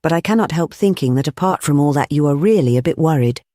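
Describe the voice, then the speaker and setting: Reader as a sharp young male detective, pointed, questioning, mid pitch. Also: animated, fast talker, dry recording, clean studio sound, lightly acted. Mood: probing. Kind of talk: audiobook character reading.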